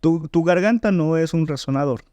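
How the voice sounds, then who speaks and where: A man's voice: a little high, moderate pace, darkish tone, no room sound. A man, a voice teacher and singer explaining technique in a podcast interview, often checking in with "¿no?" and "¿sí?". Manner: didactic, frequent "¿no?" and "¿sí?" check-ins.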